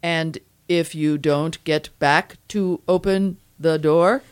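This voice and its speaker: An actor playing a male robot lieutenant who talks in a precise, mechanical monotone. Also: a little high, slow pace, smooth, dry recording. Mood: flat.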